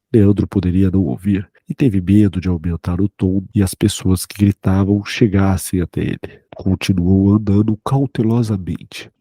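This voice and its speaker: A man narrating a horror short story in a steady, even reading. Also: low-pitched, breathy edge, no room sound.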